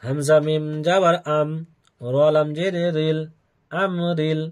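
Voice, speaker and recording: Male Quran teacher, fairly high voice, very slow and deliberate, spelling letters and chanting words in repeated drawn-out recitation. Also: steady tone. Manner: drawn-out chanted recitation of each word, repeated three times.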